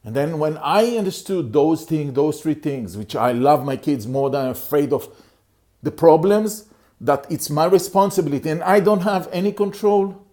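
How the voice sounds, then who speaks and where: A man's voice: medium pitch, mellow. Earnest middle-aged man telling his story. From Israel. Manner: earnest and halting, repeats and restarts phrases. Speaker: motivational speaker. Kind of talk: personal life story told to camera.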